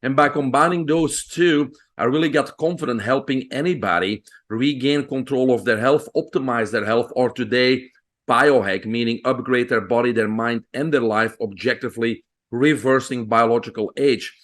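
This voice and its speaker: A man in his fifties from Belgium with a Belgian accent, a guest on an interview podcast, telling his life story in a relaxed way with frequent pauses. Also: mid-range voice. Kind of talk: conversational interview.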